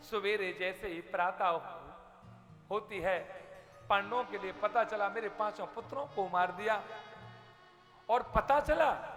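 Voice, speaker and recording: High-voiced man preaching slowly in echoey hall. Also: sharp tone. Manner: dramatic, acts out characters' cries and pleas, chants verses. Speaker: preacher telling a scripture story. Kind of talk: devotional storytelling sermon. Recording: echoey hall with faint music.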